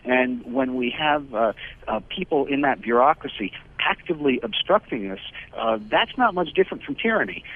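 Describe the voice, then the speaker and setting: A man co-hosting a radio news show, calling in over a landline phone and speaking haltingly with many filler pauses and restarts. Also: medium pitch, expressive, no room sound. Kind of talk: talk radio news report. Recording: tinny landline phone line.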